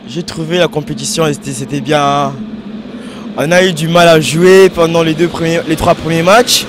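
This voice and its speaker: A rugby player from Kinshasa answers questions about his team. His voice sits a little higher than usual, and he speaks haltingly, stopping for "euh" as he goes. Light outdoor noise is heard behind him. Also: steady tone. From Kinshasa, Congo. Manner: halting, with fillers. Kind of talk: casual interview answers.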